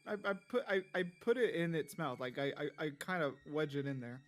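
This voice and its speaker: A man playing a tabletop game, describing his moves in casual, halting speech with repeated words. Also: a little high, lively intonation, soft background music.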